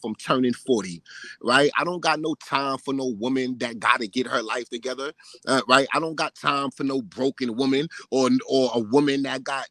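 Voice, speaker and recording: This is a casual ranting monologue from a man in his thirties, his medium-pitched voice a bit bright on a dry, poor-quality recording. Blunt and frequently profane, he tacks "right?" onto almost every point and says things again when pushed.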